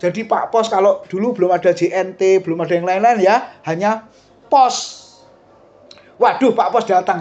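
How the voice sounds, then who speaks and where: A middle-aged man with an Indonesian accent preaching a sermon, lively and chatty, often asking the congregation questions. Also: high-pitched, muffled recording. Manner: lively, talks straight to the congregation with asides and questions.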